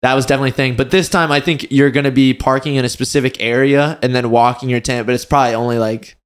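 A man speaking as a festival organizer in a casual podcast chat, rambling and relaxed, swearing now and then. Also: medium pitch, fast talker.

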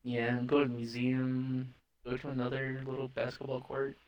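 A young man casually telling a story on a podcast, animated, swearing and laughing often. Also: medium pitch, moderate pace, dull audio. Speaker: podcast co-host.

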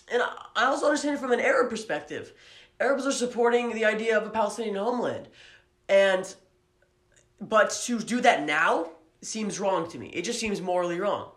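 A young man with a high voice talks in an earnest, casual way, often stopping to restart his sentences. He co-hosts a podcast, and his voice rings in an echoey room. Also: a bit bright. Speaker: podcast co-host. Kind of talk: casual opinion talk.

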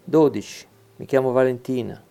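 A man's voice: medium pitch, moderate pace, gravelly, dark tone, clean tone, soft background music, close to an everyday voice. A man reading aloud who voices a grieving twelve-year-old girl in a slightly raised, plaintive tone. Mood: sad.

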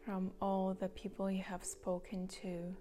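A woman guiding a grounding meditation, talking softly and slowly, with some words breathed out in a whisper. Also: medium pitch, monotone, faint music behind. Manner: slow, soft, partly whispered guidance. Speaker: meditation guide. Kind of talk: guided meditation.

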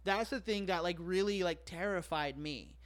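A man's voice: high voice, moderate pace, fairly bright tone. A man talking as a podcast guest in casual chat. He speaks frankly and profanely, with lots of fillers and self-deprecating humor.

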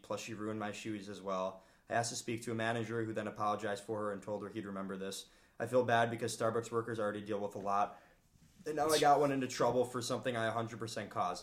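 A man on a casual podcast, reading a listener's post aloud in a steady, matter-of-fact way. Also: lowish voice.

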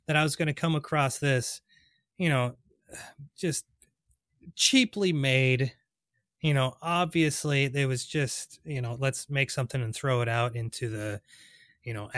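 A man appearing as a podcast guest, chatting casually and stammering excitably. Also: mid-range voice, unhurried, no echo, studio quality. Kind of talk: casual chat.

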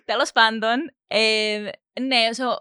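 A woman's voice: fairly high pitch, fairly even intonation, pushed and bright, clear, resonant tone, dry recording, clean studio sound. A young woman with a Cypriot Greek accent, a music production student answering interview questions casually, hesitating with many fillers and mixing in English words. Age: young adult.

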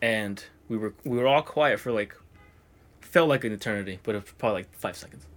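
A man's voice: lowish voice, fairly quick. A young man on a casual podcast, telling a spooky story in a laid-back, profane way. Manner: laid-back, profane, drifts into quoted voices. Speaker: podcast guest.

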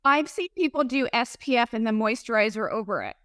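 A woman's voice: fairly high pitch, animated, brisk, a bit bright, no room sound, studio quality. A middle-aged woman talking casually and emphatically as a guest expert in an interview. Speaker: podcast guest, esthetician and company founder.

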